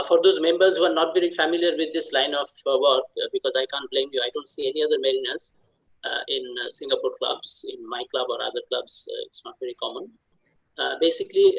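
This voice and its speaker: A man from Bangladesh introducing himself at an online club meeting, shy and halting, with many "uh" fillers. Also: on the high side, vocal fry, fairly bright tone, rough recording. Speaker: club member giving a self-introduction. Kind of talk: hesitant online meeting talk. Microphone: video call.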